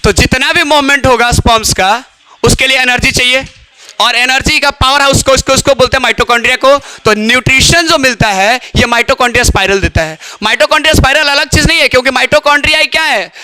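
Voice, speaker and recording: A man's voice: very high-pitched, fast, bright, forceful tone. A man teaching biology in a classroom lecture, who keeps asking questions and answering them himself.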